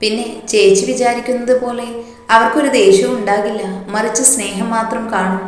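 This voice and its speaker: A woman's voice: on the high side, steady tone, fairly quick, lightly acted. A woman voicing a caring younger girl who firmly urges her cousin to flee, in a spoken story. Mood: urging. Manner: warm, urging and reassuring. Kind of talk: storytelling voice acting. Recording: very echoey room, long reverb.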